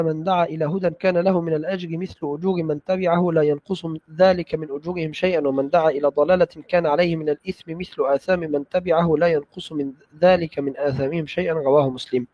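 Man reciting classical texts, slightly high. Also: steady tone, muffled recording. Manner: measured, careful recitation with brief checks of the text. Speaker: student reading hadith texts aloud. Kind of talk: classical text recitation in a study session.

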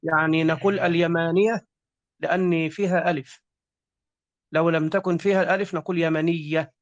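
Man, Egyptian accent, patient teacher, a bit high-pitched, muffled lo-fi sound. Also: steady tone, fast, dry recording. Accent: Egyptian Arabic. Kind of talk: explaining grammar in a lesson. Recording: dull lo-fi sound.

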